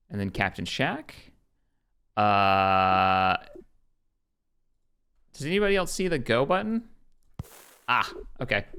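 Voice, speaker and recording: A man's voice: mid-range voice, fairly bright tone, smooth. A man streaming a game live, chatting casually, reading on-screen prompts aloud and answering his chat. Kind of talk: casual live gameplay commentary.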